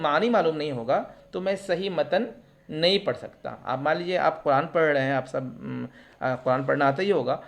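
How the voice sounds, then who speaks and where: A man's voice: on the high side, creaky. A male teacher explains test questions, asking and answering his own questions and glossing terms in English. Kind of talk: exam prep lesson.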